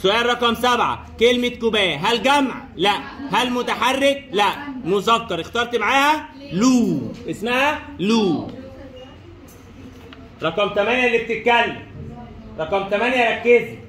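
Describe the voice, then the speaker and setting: A high-pitched French teacher with an Egyptian Arabic accent runs a classroom lesson, repeating every question and answer as he quizzes students. He speaks at a moderate pace with lively intonation and a slightly bright voice that echoes around the room.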